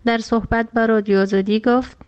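A woman with an Afghan Dari accent reading a radio news report in an even, measured way. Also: fairly high pitch, clean tone. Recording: slightly dull lo-fi sound.

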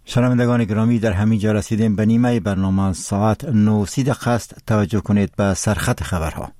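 A man's voice: lowish voice, warm tone. A man with an Afghan accent reading scripted radio news in a solemn, formal manner. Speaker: radio newsreader.

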